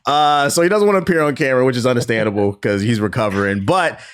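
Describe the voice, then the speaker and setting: A man's voice: medium pitch, quick pace, smooth. A man hosting a podcast in a casual, profanity-sprinkled conversational way. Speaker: podcast host.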